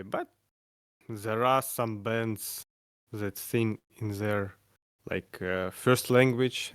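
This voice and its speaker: Guest: man, Ukrainian accent, slow and halting, dry close sound. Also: mid-range voice, creaky, no room sound. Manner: hesitant, halting, laughs often. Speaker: guest vocalist. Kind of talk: casual chat on a stream.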